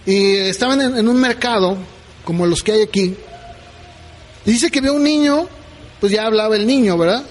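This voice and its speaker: A man's voice: high voice, moderate pace, pauses often. A middle-aged man, preaching a sermon as pastor in a conversational way, often checking in with "¿verdad?". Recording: long reverb of a hall.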